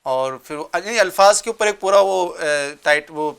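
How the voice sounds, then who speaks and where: Earnest man with a bright, clear voice. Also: sits high. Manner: earnest, gentle, explanatory with pauses and fillers. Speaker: religious talk show presenter. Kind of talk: conversational religious advice talk.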